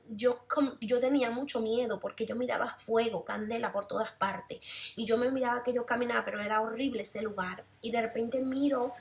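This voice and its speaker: Woman, emotional testimony, somewhat high voice, repetitive phrasing. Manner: emotional, repeats phrases for emphasis. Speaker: person giving a testimony. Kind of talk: personal religious testimony.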